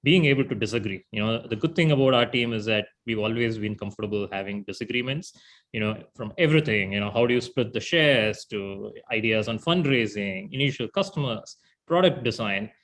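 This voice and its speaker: A man's voice: fairly low pitch, brisk, a bit bright. A man, a startup founder from India, answering interview questions in a thoughtful way with frequent "you know".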